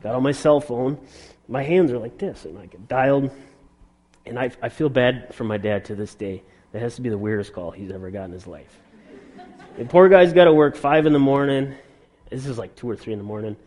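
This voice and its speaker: A middle-aged man telling a personal testimony in an earnest, halting way, with many restarts and fillers. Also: mid-range voice, darkish tone. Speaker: speaker sharing a conversion testimony.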